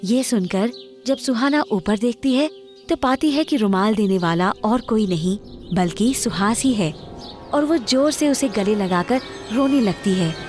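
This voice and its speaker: A woman telling a moral story in a steady, scripted narration. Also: a little high, measured pace. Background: background music.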